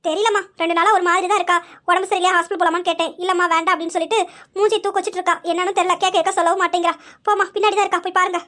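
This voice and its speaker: A woman voicing an anxious middle-aged mother in an amateur audio drama, explaining in a rushed, fretful way. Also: very high-pitched, flat delivery, fairly bright tone. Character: anxious middle-aged mother worried about her daughter.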